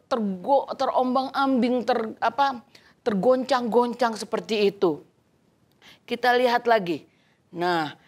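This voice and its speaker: A woman telling a Bible story to children in an animated teaching voice. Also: fairly high pitch. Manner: animated storytelling, acting out quoted lines. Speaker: Sunday school teacher.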